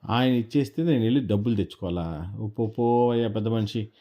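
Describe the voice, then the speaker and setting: A man's voice: fairly even intonation, a little fast, dark tone, close to an everyday voice. A man putting on a grieving orphan boy. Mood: irritated. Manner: raised, plaintive, slightly higher voice. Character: poor orphan village boy, upset and stubborn.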